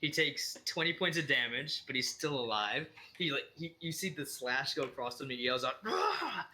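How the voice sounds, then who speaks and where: A man narrating a tabletop role-playing game as dungeon master, relaxed and full of fillers and restarts. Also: medium pitch, fairly quick.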